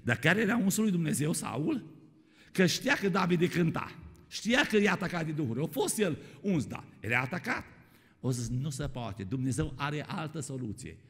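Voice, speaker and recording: Man preaching, gravelly voice, long church reverb, keeps asking the congregation questions. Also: sits high, sing-song. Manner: repeats "my dear ones", asks the congregation questions. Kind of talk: sermon. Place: church hall.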